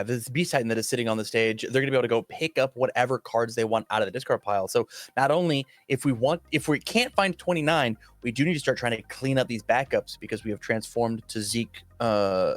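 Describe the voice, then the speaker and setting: Dude co-commenting a card tournament, chill and eager, trips over words, dry mic with faint music. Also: male voice, mid-range voice, no room sound. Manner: casual, eager, stumbles and restarts when excited.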